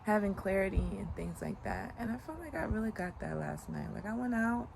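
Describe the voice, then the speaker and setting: This late-twenties vlogger talks fairly quickly in a medium-pitched voice, rambling casually and reflectively with a lot of "like." She's outdoors in the country on a sunny morning, where background noise and clear outdoor ambience can be heard.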